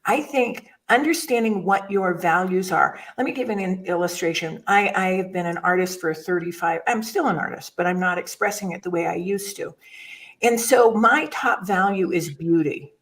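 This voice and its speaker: A woman's voice: on the low side, normal speed, far from the mic, poor audio. An older woman, a guest chaplain, chatting casually and telling rambling stories that she often breaks off and restarts. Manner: storytelling, rambling, self-interrupting. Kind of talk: casual conversation.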